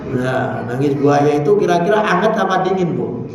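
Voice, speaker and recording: A man preaching a dawn sermon in a mosque, lively and teasing, asking the audience questions and swinging between high stresses and low mutters. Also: normal speed, very echoey, long reverb tail, background noise.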